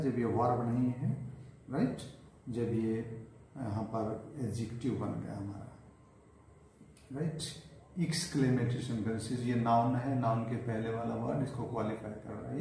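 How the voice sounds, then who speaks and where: A man teaching English grammar in Hindi at a board. He explains slowly, repeats each word and keeps asking "right?" and "clear?". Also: medium pitch, dark tone. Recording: echoey room, faint background hiss.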